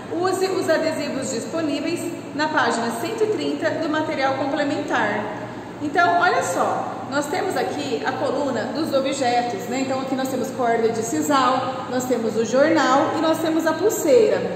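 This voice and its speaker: High-voiced teacher in an echoey classroom. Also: female voice, distant mic, background noise. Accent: Brazilian Portuguese. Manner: patient, explains step by step to children. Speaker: primary school teacher. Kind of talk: online class lesson. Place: classroom with chalkboard. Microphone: camera across the room.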